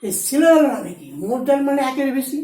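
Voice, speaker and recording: A woman teaching a shorthand class, explaining each rule slowly and repeating the key points. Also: high voice, animated, warm tone, echoey room, low-quality recording. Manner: repeats key points, switches between Bengali and Hindi. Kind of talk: explaining rules step by step in a lesson.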